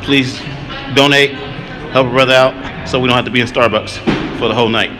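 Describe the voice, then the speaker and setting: A man's voice: mid-range voice, steady tone, fairly quick, music in the background. A man in his forties giving a loose, chatty walkthrough of his streaming gear, repeating himself as he explains, recorded on a camera mic in a coffee shop at night. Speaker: vlogger showing his streaming setup. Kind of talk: casual walkthrough vlog. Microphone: camera-mounted mic, handheld then on tripod. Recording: noisy coffee shop ambience.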